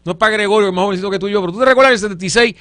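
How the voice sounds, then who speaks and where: A middle-aged man tells anecdotes on a political panel, dropping wry jokes along the way. His voice is high, and the recording is dry and close. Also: very fast, a bit bright, no echo. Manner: storytelling, wry and joking asides.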